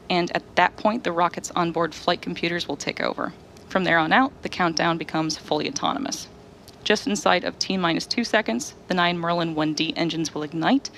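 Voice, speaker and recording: A woman presenting live launch commentary as a webcast host, explaining things in a clearly enunciated presenter style. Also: fairly low pitch, a bit bright, slight background noise.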